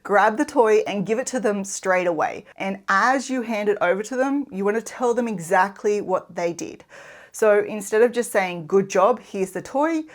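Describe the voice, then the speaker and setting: A woman talks straight to the viewer in her thirties' easy, measured way. She explains parenting steps calmly and clearly, like a patient teacher walking parents through a plan. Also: mid-range voice. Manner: calm, clear, instructive. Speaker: parenting educator. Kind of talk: explainer video to camera.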